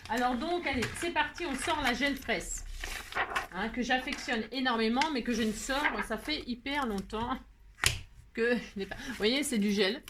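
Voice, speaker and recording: A woman's voice: a little high, moderate pace, very noisy. A woman hosting a casual craft tutorial, chatty and playful, teasing herself and filling her talk with fillers. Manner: chatty, playful, self-mocking, many fillers. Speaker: crafting video host.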